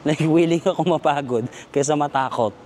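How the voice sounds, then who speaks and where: A man's voice: a little high, normal speed, a little mellow, slight background noise. A man with a Filipino accent chatting in a casual travel vlog while walking outdoors at night, self-mocking and laughing often. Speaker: travel vlogger. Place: outdoors in a city park at night.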